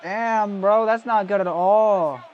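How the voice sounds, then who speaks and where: A man's voice: high voice, slow, highs cut off. A young man streaming a football video game, chatting casually with viewers, swearing often and greeting them by name. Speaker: gaming streamer. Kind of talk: casual live gameplay commentary.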